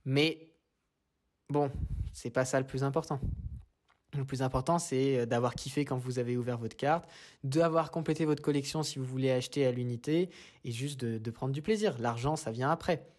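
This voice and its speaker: A man's voice: medium pitch, normal speed, a little mellow. A man with a French accent, hosting a casual screen-share tutorial and talking through each step in a chatty way. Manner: chatty, walks through steps with "hop" and "voilà". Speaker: YouTube host.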